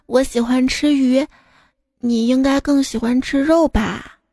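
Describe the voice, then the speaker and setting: A woman voicing a shy, hesitant little kitten who speaks softly. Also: sits high, steady tone, unhurried, dry recording, studio quality. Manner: soft, hesitant.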